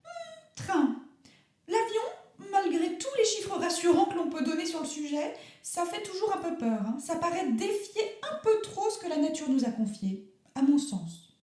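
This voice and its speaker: A woman's voice: very high-pitched, very animated, normal speed, darkish tone, very echoey, pitched above the performer's own voice. A woman playing a grand, theatrical national actress who is fearful and fussy, speaking in an affected, precious and rambling way in a comic radio sketch.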